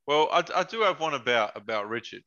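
A young man, a former basketball player, telling stories in a relaxed podcast chat and acting out what his friends said. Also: a little high, fairly quick, highs cut off. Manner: animated storyteller, quotes friends in their voices, laughs often. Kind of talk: casual podcast chat, storytelling.

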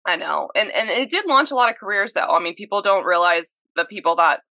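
A woman's voice: mid-range voice, lively intonation, a little fast, pushed and bright, dry recording. A woman hosting a podcast, asking questions in an upbeat, chatty way. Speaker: podcast host. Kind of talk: casual interview chat.

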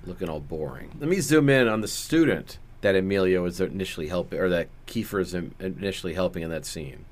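Low-voiced man recapping movie details. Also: lively intonation, a little fast, few pauses. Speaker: podcast co-host. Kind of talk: casual movie review chat.

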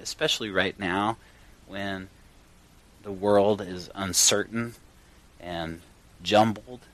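Earnest, low-voiced man talking from a garage. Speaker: podcast host and yoga teacher. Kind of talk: personal monologue to listeners. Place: in a garage, recording at a home studio setup.

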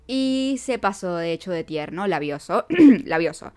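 A young woman chats to camera, retelling her own mishaps. She jumps between laughing at herself and lively asides, with a mid-range voice for a woman. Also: medium pitch, measured pace, clean tone. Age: young adult. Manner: animated, self-mocking, chatty. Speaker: vlogger. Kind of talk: storytime chat to camera.

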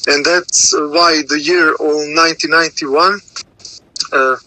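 Halting Serbian-accented man. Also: fairly high pitch, sharp tone, dry recording, rough recording. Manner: halting, frequent fillers and restarts. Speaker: dog breeder, guest. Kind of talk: interview answers. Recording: radio-style sound.

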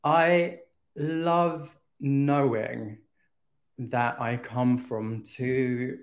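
A man with a London accent, a guest on a podcast, talking softly and a little hesitantly. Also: mid-range voice, fairly even intonation, drawn-out words. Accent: London English. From England. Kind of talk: casual interview chat.

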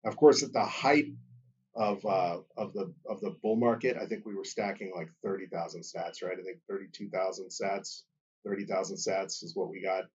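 Husky-voiced man hosting a chatty podcast. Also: normal speed, far from the mic, highs cut off. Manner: chatty, lively swings in pitch and loudness, frequent fillers. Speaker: podcast host. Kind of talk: casual solo podcast talk.

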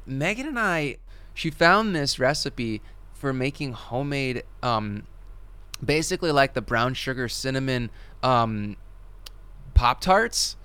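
A man with a clear, smooth voice at a middling pitch chats loosely on a podcast. He rambles through asides and fillers and often trails off softly at the end of his points. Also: animated, takes it slowly, dry recording. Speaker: podcast co-host. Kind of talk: casual movie podcast chat.

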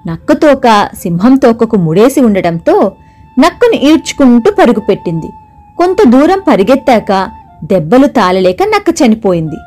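A woman narrating an animal fable in an animated, dramatic storybook style. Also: mid-range voice. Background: soft music.

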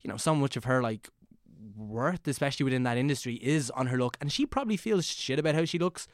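A man's voice: mid-range voice, animated, fast, no room sound, studio quality. An Irish man in his twenties hosting a podcast, rambling with lots of filler words while asking probing questions. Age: 20s. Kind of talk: casual podcast chat.

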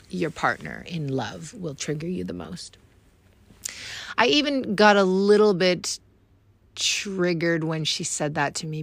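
Low husky gravelly-voiced woman podcaster. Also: no echo. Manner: earnest, reflective, addresses listeners as "you guys". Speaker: podcast host. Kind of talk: casual self-help talk. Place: home.

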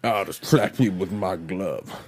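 A man's voice: sits low, a little slow, pitched below the performer's own voice. A man putting on a blustering fat tugboat captain. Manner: blustering, indignant. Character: fat gruff old male tugboat captain.

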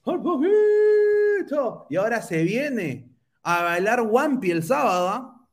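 Teasing football podcast host. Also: male voice, high voice, lively intonation, measured pace, fairly bright tone. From Peru. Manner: teasing, mocking rival fans. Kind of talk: casual football podcast chat.

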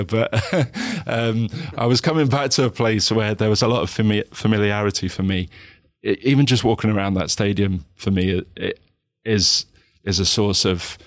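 In a dry, studio-quality recording, an Englishman with a southern accent reflects as an interview guest, with many pauses, restarts, and "you know"s. His voice is on the low side and creaky.

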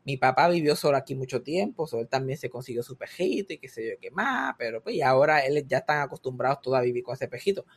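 A man's voice: medium pitch, fast talker, hardly any pauses, husky. A man with a Puerto Rican accent telling comic stories in a casual chat, slipping English words into his talk. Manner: animated comic storytelling, mixing in English words.

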